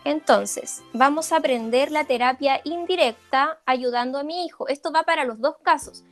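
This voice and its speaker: A high-pitched woman, with faint music behind her, runs a parent workshop in the manner of a speech therapist. Her informal lecture over slides is full of fillers and quick check-ins with the audience.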